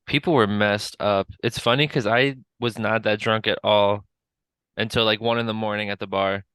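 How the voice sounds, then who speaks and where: A man co-hosting a podcast, telling animated stories, mimicking friends and laughing. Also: lowish voice, moderate pace, smooth, dry recording. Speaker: podcast co-host. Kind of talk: casual chat.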